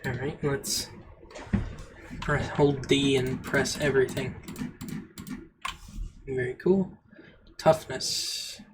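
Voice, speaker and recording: A man streams a game and reads its story text aloud between relaxed, unhurried remarks. His delivery is slow and his pitch stays level with little rise or fall. A steady hiss of noise sits under the recording. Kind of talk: casual gameplay commentary.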